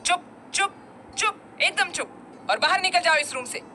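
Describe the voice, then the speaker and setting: Woman doing a bossy heavy-voiced guy, scolding and short-fused, kinda high for a man. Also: animated, moderate pace, bright, forceful tone, a little hiss or hum. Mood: angry. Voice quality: heavy deep-toned voice. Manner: stern, scolding. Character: stern commanding young man, hot-tempered older brother.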